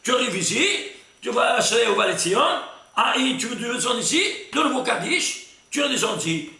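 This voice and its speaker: Animated rabbi with a gravelly, bright voice. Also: male voice, very high voice, brisk, reverberant. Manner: lively and emphatic, full of restarts, asks "C'est clair?" often. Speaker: rabbi teaching a class. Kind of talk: animated Torah lesson.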